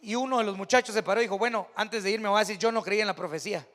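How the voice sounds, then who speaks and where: A man's voice: sits high, rapid-fire, fairly bright tone, long reverb tail. A man with a Mexican accent preaching a sermon as pastor, telling stories in a conversational way that builds to emphatic preaching. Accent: Mexican Spanish. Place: church sanctuary.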